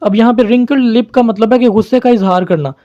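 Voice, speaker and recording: A man's voice: very high-pitched, fast talker, dark tone, lo-fi sound. A man teaching, explaining a poem step by step to viewers and mixing in English terms.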